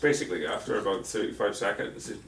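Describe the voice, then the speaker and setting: Brief: bloke, quick lively banter, recorded far off in an echoey room. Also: male voice, lowish voice, vocal fry, a little hiss or hum. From South Wales valleys. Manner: animated storyteller, teasing. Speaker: band member. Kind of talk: joking interview chat. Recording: echoey venue, mic from far off.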